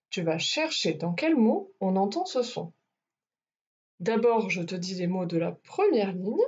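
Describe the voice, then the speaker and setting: A woman teacher giving a phonics lesson to young children, stretching out each sound slowly and clearly. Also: a little high, darkish tone, muffled recording. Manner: slow, deliberate, over-articulated sounds.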